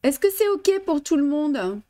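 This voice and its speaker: A Frenchwoman in her fifties with a French accent leads a live-streamed embroidery lesson from an indoor studio with a blue backdrop. Her voice is high-pitched, mellow and very animated, yet she takes her time, and there's no echo. She chats freely, laughs often and drifts into English and Spanish.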